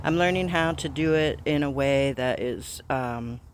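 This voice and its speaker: A man narrating a casual vlog outdoors in a garden, thinking aloud in a halting way. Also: medium pitch. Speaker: gardening vlogger. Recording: outdoor ambient noise.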